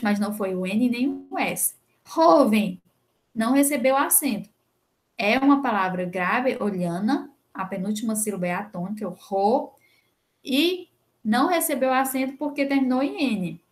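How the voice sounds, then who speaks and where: A woman's voice: medium pitch, animated, normal speed. A young adult woman with a Brazilian Portuguese accent, teaching a Spanish lesson and patiently explaining rules with frequent checks like "né?" and "tá?". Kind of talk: recorded online lesson.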